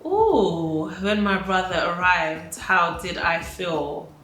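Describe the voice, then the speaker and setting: A woman's voice: fairly low pitch, expressive, takes it slowly, a bit bright, soft background music. A woman in her twenties answering documentary interview questions in a reflective, casual way with many fillers. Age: 20s. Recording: echoey room with faint noise.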